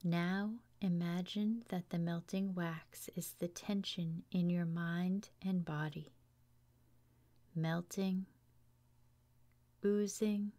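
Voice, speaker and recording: A woman leading a guided relaxation meditation in a soft, hushed, soothing voice, leaving long pauses between phrases. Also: lowish voice, fairly even intonation. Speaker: yoga teacher guiding meditation.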